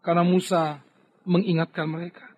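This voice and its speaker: Husky high-voiced preaching man. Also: little pitch movement, moderate pace, muffled recording. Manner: emphatic preaching, sudden swings from loud to hushed, addresses listeners as "saudara". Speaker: pastor. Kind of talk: sermon.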